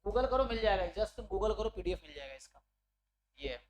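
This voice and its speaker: A male statistics teacher gives an online exam-prep lecture. He talks his students through each step and keeps checking that they are following. When he reads a formal definition, he slows to a careful word-by-word pace. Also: high voice, expressive, a little hiss or hum. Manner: explains step by step, often checks understanding with tag questions.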